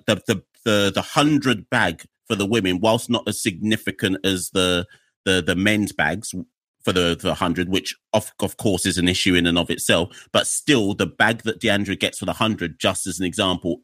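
A man co-hosting a casual cricket podcast, animated and jokey, acting out quotes in a mocking voice. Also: sits low, dry recording, studio quality. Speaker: podcast co-host.

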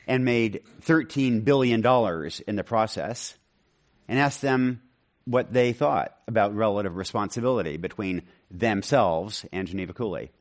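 A man answering interview questions as an author, in a measured way with frequent ums and restarts. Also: lowish voice.

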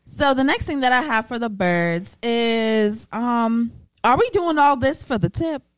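A woman co-hosting a podcast, telling stories in an animated, chatty way with laughs and casual swearing. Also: fairly high pitch, measured pace, smooth, no room sound. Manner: animated, chatty storyteller with frequent laughs and profanity. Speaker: podcast co-host. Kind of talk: casual chat.

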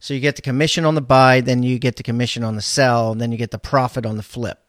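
A man's voice: mid-range voice, flat delivery, fast, no echo, clean studio sound. A man hosting an interview podcast, asking questions in an upbeat, enthusiastic way. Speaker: podcast host. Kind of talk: interview chat.

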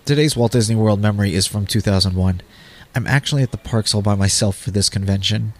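A man's voice: fairly low pitch, quick pace. A man hosting a podcast, reading scripted narration and addressing the listener directly as a guide. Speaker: podcast host.

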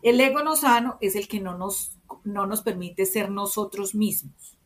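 A woman from Medellín with a Colombian paisa accent, speaking as an interview guest and explaining in an expressive, conversational way that often checks in with tag questions. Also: medium pitch, measured pace. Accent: Colombian paisa (Antioquia).

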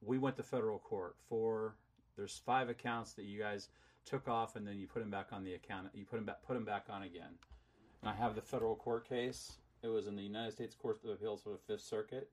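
A man's voice: fairly low pitch, steady tone, a little fast. A man on a phone call as a complaining caller, insistent, repeating his words and talking over others. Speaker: caller disputing debts.

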